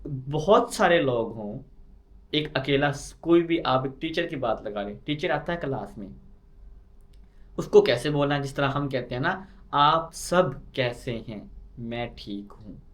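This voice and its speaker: A man teaches at a deliberately slow pace. His voice sits a little high, and he repeats each point several times. He often poses a question and then answers it himself. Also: fairly bright tone. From Pakistan. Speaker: language teacher. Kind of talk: slow explanatory lesson.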